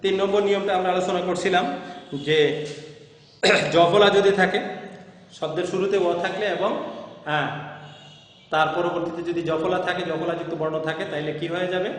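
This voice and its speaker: Male lecturer, high-pitched, questioning and repetitive, long reverb in a bare room. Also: fairly even intonation, normal speed, long pauses. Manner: repetitive, asks questions then answers them himself; frequent hesitant "ah" fillers. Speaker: college Bengali teacher. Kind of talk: classroom grammar lecture.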